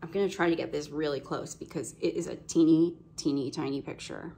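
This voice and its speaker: A woman's voice: low-pitched, steady tone, a little fast, warm tone. A woman vlogging about her cross-stitch projects in a casual, rambling show-and-tell way, with lots of ums and self-corrections, a bit congested. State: slightly congested, coughing now and then.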